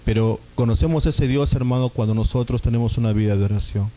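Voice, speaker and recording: A man's voice: medium pitch, quick pace, dark tone, rough recording. A man, a pastor, preaching a sermon and telling a personal testimony, often calling his listeners brothers.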